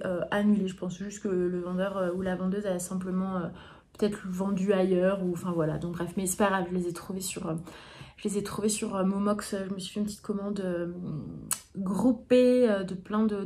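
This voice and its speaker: Tired, chatty young Frenchwoman with a mellow voice. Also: mid-range voice, little pitch movement, normal speed. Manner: chatty, with frequent hesitations and restarts. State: tired, yawning. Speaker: book vlogger. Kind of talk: casual chat to camera. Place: home, indoors in the evening.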